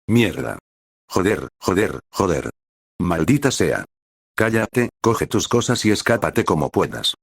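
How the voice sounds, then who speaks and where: A man's voice: deep voice, sing-song, slow pace, vocal fry, breathy edge, no room sound, studio quality, exaggerated voice. A man reading the part of a hungover male courier who curses and scolds himself in a flustered way. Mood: frustrated. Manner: cursing, self-scolding, flustered.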